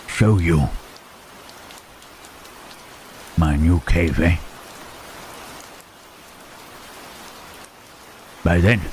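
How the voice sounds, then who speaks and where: A man playing Frankenstein's monster as a lonely, gentle creature in intimate ASMR roleplay, halting and tender, with formal wording. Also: low voice, slight background noise. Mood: tender, patient. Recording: rain and thunder behind the voice. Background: rain and thunderstorm.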